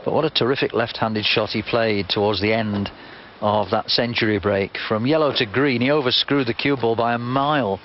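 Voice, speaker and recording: A man's voice: mid-range voice, moderate pace, few pauses. A man giving live commentary on a snooker match from the arena. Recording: noisy, muffled TV broadcast sound.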